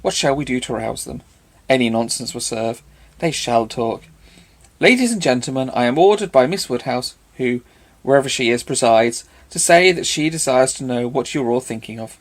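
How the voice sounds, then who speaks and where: A man's voice: medium pitch, moderate pace. A man playing an impudent young charmer.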